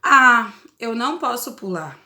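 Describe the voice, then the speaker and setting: A woman voicing a small, gentle male snail in a children's storybook reading, speaking in slow, plaintive sighs. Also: fairly high pitch, lively intonation, reverberant, voice pushed down, full character voice. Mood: wistful.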